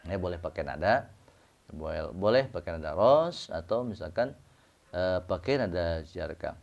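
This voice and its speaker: A man from Indonesia teaching recitation, explaining slowly and chanting verses in long drawn-out tones. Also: sits low, animated, gravelly, darkish tone. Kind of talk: slow spoken lesson with chanted recitation examples. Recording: dull lo-fi recording.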